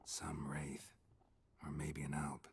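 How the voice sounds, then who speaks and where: Geralt, gruff monster hunter. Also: male voice, very deep voice, monotone, slow, full character voice. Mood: curt. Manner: curt, matter-of-fact questions. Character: gruff middle-aged male monster hunter, terse.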